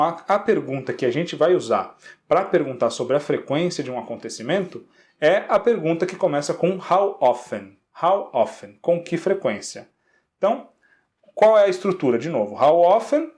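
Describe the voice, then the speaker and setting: Brazilian guy teaching english, bouncy voice, slows way down on the example sentences. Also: on the high side, a little mellow. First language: Portuguese. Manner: slows down to model English example sentences, repeats with tag questions. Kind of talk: lesson explaining grammar.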